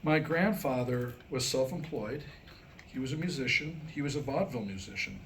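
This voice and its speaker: This middle-aged playwright tells stories and delivers comic monologue material at a staged reading for a live crowd. He speaks fairly quickly in a mid-range voice. Audio quality is poor, and the room recording picks up background noise.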